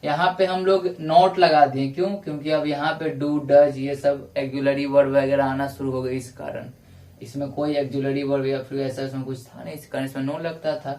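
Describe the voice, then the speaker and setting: A male English teacher giving a classroom lecture, explaining grammar rules step by step and repeating each example slowly. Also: medium pitch, little pitch movement, darkish tone. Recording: echoey room, voice from a distance.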